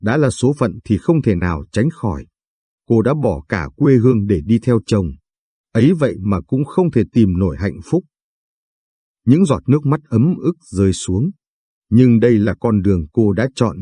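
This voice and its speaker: A man's voice: lowish voice, very animated, moderate pace, warm tone, slightly rough, no room sound, clean studio sound. A man narrating a dramatic family story in a solemn, scripted way.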